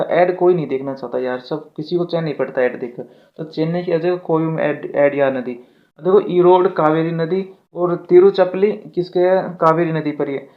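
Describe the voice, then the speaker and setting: A man teaching exam mnemonics, often asking a question and answering it himself and repeating his lines. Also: on the high side. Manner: repetitive, asks and answers his own questions. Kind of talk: exam-prep mnemonic lesson. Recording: tinny phone-like audio.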